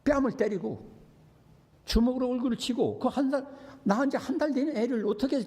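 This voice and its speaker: An older man, preaching a sermon as a pastor, swinging between hushed and emphatic storytelling. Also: very high-pitched, fast, long reverb tail. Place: church.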